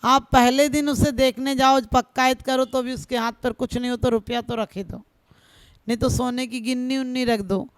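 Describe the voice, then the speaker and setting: A woman's voice: sits high, steady tone, moderate pace, no echo, clean studio sound. A woman, a Jain nun, preaching a devotional sermon with humorous folk stories and rhythmic, exhorting lists. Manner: humorous, folksy storytelling.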